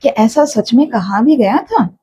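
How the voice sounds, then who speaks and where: A woman teacher gives a classroom lecture, walking students through a text step by step and mixing Hindi with English. Her voice is on the high side, dark and slightly rough, animated yet unhurried. The recording sounds dull and muffled.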